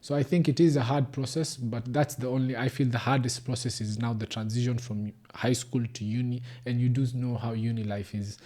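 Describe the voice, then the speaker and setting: A young Kenyan doctor with a Kenyan English accent chats casually as a podcast guest, patiently explaining things and slipping in Swahili phrases. His medium-pitched voice has a dark tone and fairly even intonation. He talks a little fast with few pauses.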